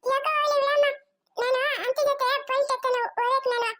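A woman voicing a small, cheeky little boy in an acted family drama, with a squeaky, thin childlike voice and bouncy, pleading talk. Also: level tone, quick pace, a bit bright.

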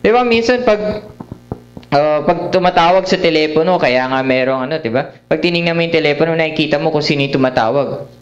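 Filipino male preacher, high voice, mixes English and Tagalog, lo-fi church recording. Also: brisk, faint music behind. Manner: switches between English and Tagalog, frequent tag questions. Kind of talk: sermon at a prayer meeting. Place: church hall.

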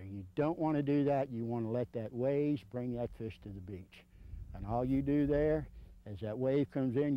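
A man in his fifties, medium-pitched and recorded with no room sound, teaches surf fishing outdoors on a sandy beach. His hands-on instruction is informal, plainspoken and folksy, and he repeats his points. The footage is a dull old video recording.

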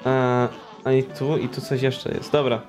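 A man's voice: mid-range voice, flat delivery, measured pace. Young man in casual gameplay commentary. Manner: casual, stumbling while reading aloud. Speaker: gaming streamer. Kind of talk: let's play commentary. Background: game music.

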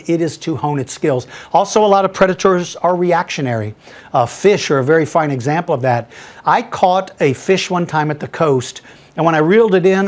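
A man hosting a paleontology podcast, answering listener questions in an enthusiastic, folksy way and calling listeners buddy. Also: high-pitched.

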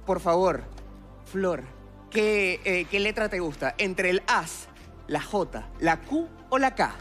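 Speaking slowly in a high, slightly bright voice with lively intonation, this Venezuelan-accented talent show magician in his twenties addresses the judges directly over a headset mic. His theatrical patter comes from a large TV studio theatre stage, with music beneath it.

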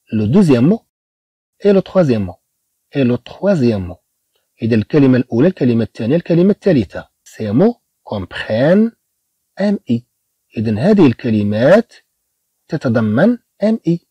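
A man with a Moroccan accent teaching a beginner French lesson, slowly repeating each word for his students. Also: medium pitch, dark tone, breathy edge, dry recording. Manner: slow, repeats words for drills.

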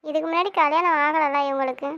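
A young woman acting a naive, earnest girl who pleads softly about a crush in an amateur drama. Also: high voice, steady tone, fairly quick, lo-fi sound. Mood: apologetic.

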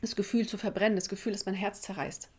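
A woman's voice: medium pitch, flat delivery, fast talker, a little mellow, slightly rough. Conversational woman, native Arabic speaker. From Tunisia. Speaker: self-help video presenter. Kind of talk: informal explanatory talk to camera. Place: small office indoors.

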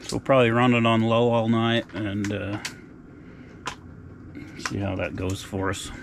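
Middle-aged man, casual vlog host, easygoing and folksy; lowish voice over steady background noise. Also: measured pace. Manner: laid-back, folksy updates. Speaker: outdoor vlogger. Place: frozen lake outdoors and inside an ice-fishing tent.

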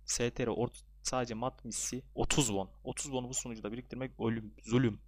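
A young man chatting casually through his online game session, fussing over luck and getting excitable when things go his way. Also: mid-range voice, fast, no room sound, clean studio sound. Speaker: gaming video creator. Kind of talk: casual gameplay commentary.

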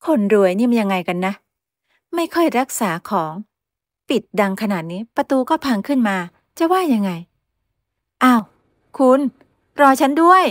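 A woman's voice: fairly high pitch, very animated, normal speed, long pauses, no room sound, studio quality. A woman voicing a polite, timid young orphan woman. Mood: wry. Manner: polite, meek.

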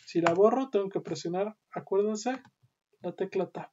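A woman's voice: mid-range voice, normal speed, mellow. A woman teaching a programming class, explaining step by step and often checking in with "¿sí?". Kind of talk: screen-recorded coding lesson. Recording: dull lo-fi audio with clear background noise and keyboard typing.

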